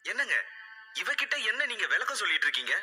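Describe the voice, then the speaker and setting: A man voicing a sharp-tongued mother who scolds her daughter. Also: sing-song, fast, exaggerated voice. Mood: scolding. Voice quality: shrill, scolding. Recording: roomy reverb with soft music.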